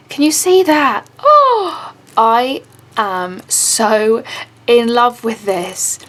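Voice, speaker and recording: A woman vlogger with a raspy, slightly high voice chats casually while unboxing handmade clay charms. She gushes excitably, gasping and saying "oh my God" again and again.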